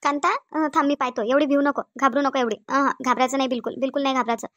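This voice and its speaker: A woman voicing a calm older village midwife with a Varhadi Marathi accent, who speaks in a soothing, firm way. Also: sits high, fast, dry recording, muffled recording. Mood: reassuring.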